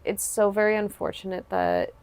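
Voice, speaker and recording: A woman's voice: medium pitch, flat delivery, normal speed, a little mellow, no echo. A woman hosting a podcast, chatting earnestly and supportively in long, winding sentences. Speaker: podcast host. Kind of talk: casual interview chat.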